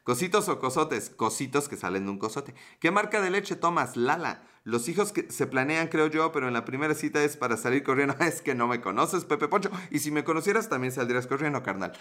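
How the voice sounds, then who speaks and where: A man in his thirties with a Mexican Spanish accent hosts a relaxed livestream. He tells a personal story while reading and teasing viewers' comments. He keeps a playful, joking, chatty tone. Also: a little high, fairly quick, hardly any pauses. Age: 30s. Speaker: livestream host.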